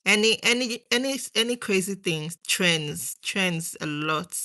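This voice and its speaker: A woman's voice: mid-range voice, lively intonation, unhurried, sharp tone. A young woman with a Nigerian accent chatting casually to viewers on a livestream, rambling and trailing off between thoughts. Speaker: livestream host.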